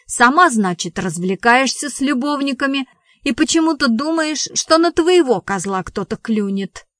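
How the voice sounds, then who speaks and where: A woman voicing a sharp-tongued young woman who mocks and hisses sarcastically, as an audiobook dialogue reading. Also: high-pitched, animated, normal speed, dry recording, clean studio sound, voice pushed up. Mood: hissing. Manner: sarcastic, hissing.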